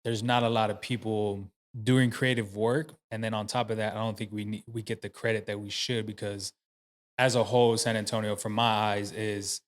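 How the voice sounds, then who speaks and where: A man's voice: on the low side, level tone, moderate pace. A man hosts a casual podcast interview. He rambles along loosely, with plenty of fillers and restarts. It was recorded in a podcast studio. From United States. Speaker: podcast host.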